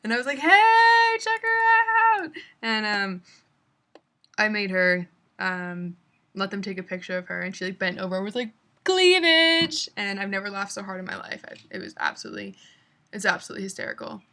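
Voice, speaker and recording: A woman's voice: mid-range voice, lively intonation, fast talker, sharp tone. A young adult woman chatting through a casual travel story, full of fillers. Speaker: vlogger.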